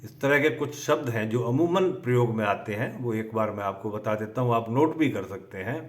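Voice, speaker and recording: A man teaching poetic meter in a slow, methodical lesson, dictating word lists. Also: medium pitch, lively intonation. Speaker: poetry teacher.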